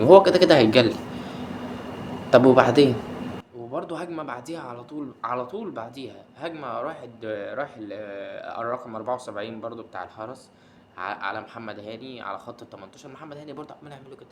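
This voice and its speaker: A man's voice: medium pitch, noisy background. A man with an Egyptian accent hosting a football podcast, recapping a match in a casual way and asking the players the same exasperated questions again and again. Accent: Egyptian Arabic. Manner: exasperated, repeats his questions, rants at the players.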